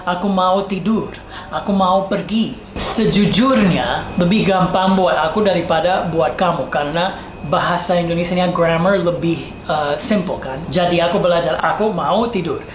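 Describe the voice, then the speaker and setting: A woman's voice: on the low side, moderate pace. A woman with an American accent, a native English speaker speaking Indonesian as a foreigner and mixing in English, teaching in a casual, emphatic tutorial style with repeated example phrases. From United States. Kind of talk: casual tutorial for online video. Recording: roomy echo, faint background noise.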